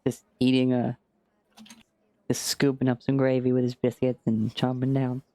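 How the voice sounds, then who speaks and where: A man's voice: medium pitch, monotone, moderate pace, dark tone, no room sound. Rambling male game master, close dry sound. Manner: rambling, jokey. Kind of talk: casual tabletop game narration.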